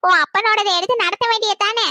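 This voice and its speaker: A bossy cartoon grandmother from a village, blunt and scolding, as a woman voices her. Her voice is very high and bright, and her words come out in quick bursts. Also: steady tone, no room sound, clean studio sound. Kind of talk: cartoon voice acting.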